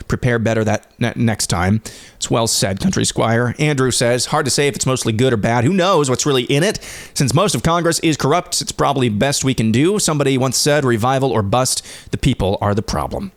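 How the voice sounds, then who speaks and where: A male news host talks bluntly and with strong opinions, reading listener comments and answering them. His voice sits at an ordinary pitch.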